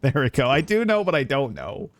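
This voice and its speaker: Over faint game music, a man livestreams gameplay and offers casual commentary. His voice sits at a medium pitch, and he speaks briskly and very animatedly, rambling and thinking out loud in an informal way.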